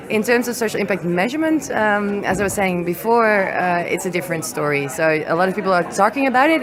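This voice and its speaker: A woman, a social impact consultant, talking in a relaxed way with ums. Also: on the low side. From Netherlands.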